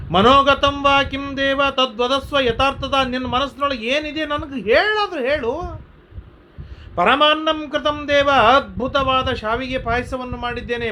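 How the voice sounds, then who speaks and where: A man's voice: extremely high pitch, sharp tone, slight background noise, voice pushed up, exaggerated voice. A man voicing an elderly foster mother who coaxes and pleads with her son in a storytelling sermon. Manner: coaxing, questions tumbling out.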